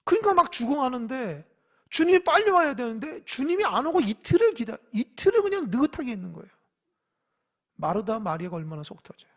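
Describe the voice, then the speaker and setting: A male pastor preaching a sermon, swinging from loud urging to hushed whispers and asking the congregation questions. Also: very high voice, big pitch swings, fairly quick. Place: church sanctuary.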